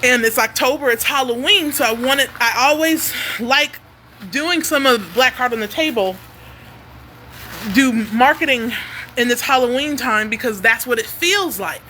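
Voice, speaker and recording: A woman singer-songwriter talks casually to her livestream viewers from home. Her voice sits high and sounds bright and forward. She is animated and quirky, and a faint background hum runs under her talk. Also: measured pace. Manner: animated and quirky, laughs often. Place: home near a noisy freeway.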